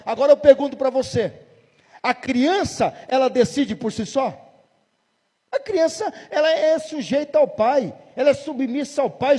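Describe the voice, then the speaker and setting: A man's voice: very high voice, warm tone, husky, big-room sound. A Brazilian man in his forties, a pastor preaching a sermon emphatically and asking the congregation rhetorical questions. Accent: Brazilian Portuguese. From Brazil, São Paulo state. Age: 40s.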